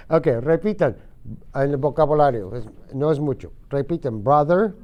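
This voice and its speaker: With a slightly high, animated voice, a middle-aged ESL teacher gives a class an English vocabulary lesson, moving slowly and patiently and repeating words for the students to say back. The upper frequencies are cut off.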